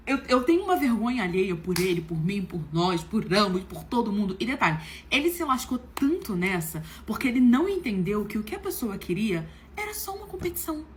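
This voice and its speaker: A woman telling a personal story about her marriage in a casual, animated way. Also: mid-range voice, slight background noise. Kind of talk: casual spoken anecdote.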